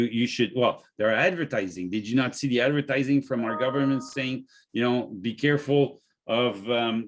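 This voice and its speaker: A man hosting a casual health podcast who often stops and repeats words mid-sentence. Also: mid-range voice. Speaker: podcast host and natural health business owner.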